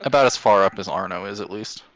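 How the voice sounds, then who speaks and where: A man's voice: lowish voice, quick pace, fairly bright tone, no echo. A man narrating a tabletop game as game master, in an informal, sweary way.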